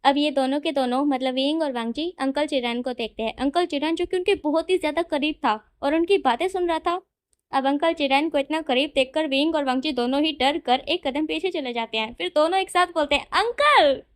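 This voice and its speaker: A woman narrating a romantic fan-fiction story in a chatty, lively manner. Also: high-pitched, a little fast, no echo, studio quality.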